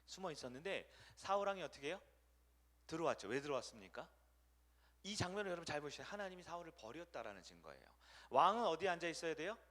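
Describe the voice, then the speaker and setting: A man's voice: fairly high pitch, very animated, quick pace, a bit bright. A middle-aged man preaching a sermon as a pastor. He keeps asking the congregation questions, answers them himself, and acts out short voices.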